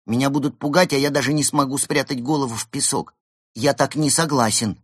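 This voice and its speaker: A man voicing a timid, grumbling male penguin in a storybook reading, with a husky tone. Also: medium pitch, fairly even intonation, fairly quick, a bit bright, dry recording, studio quality, pitched above the performer's own voice. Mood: grumbling, reluctant. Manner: grumbling, reluctant.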